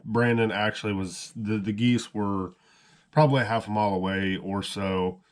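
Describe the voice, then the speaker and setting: Low-voiced man vlogging outdoors. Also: fairly even intonation, normal speed, dry recording. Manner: easygoing, chatty, explains as he goes. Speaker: hunting vlogger. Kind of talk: casual outdoor vlog narration. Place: outdoors in a rural field. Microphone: action camera.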